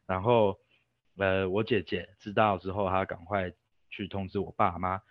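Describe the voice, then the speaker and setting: A man's voice: deep voice, level tone, moderate pace, no room sound, highs cut off. A young man with a Taiwanese Mandarin accent, a podcast guest casually telling a personal story, rambling and restarting with fillers. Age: young adult. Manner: rambling, self-interrupting with fillers.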